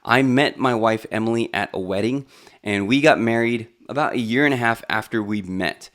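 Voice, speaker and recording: Speaking at a medium pitch and normal speed with a fairly bright tone, this YouTube host talks to his vlog camera about his life. He's in his thirties, from Los Angeles, California, and his chatty manner comes with frequent fillers and restarts.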